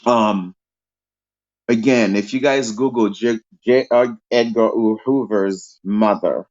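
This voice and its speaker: This Haitian panel guest talks slowly in a fairly low, darkish voice, and the sound is lo-fi. In opinionated call-in talk, he airs strong views at length and frequently asks "okay?".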